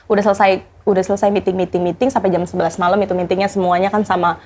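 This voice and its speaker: Woman, ex-assistant, casual storyteller, mid-pitched, filler-heavy chatter. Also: little pitch movement, rapid-fire, a little mellow. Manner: chatty, many fillers, mixes in English. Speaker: former personal assistant.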